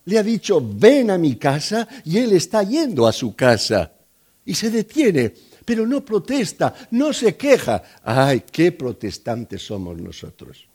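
A male pastor preaches with a husky, slightly high voice. His pitch swings widely as he acts out scenes in different voices. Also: huge pitch swings, unhurried, a little mellow. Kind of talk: sermon.

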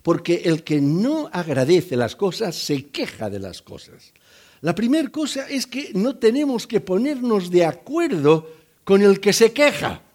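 Lively older preacher. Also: male voice, high-pitched, unhurried. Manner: conversational, joking asides to the congregation; acts out quoted voices in the story. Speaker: pastor. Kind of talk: sermon.

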